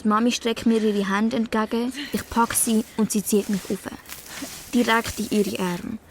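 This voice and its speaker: Young woman voicing a lonely Swiss schoolgirl, quiet first-person radio-play narration, light high tone. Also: flat delivery, moderate pace, a little hiss or hum, lightly acted. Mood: sad. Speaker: narrator and main character.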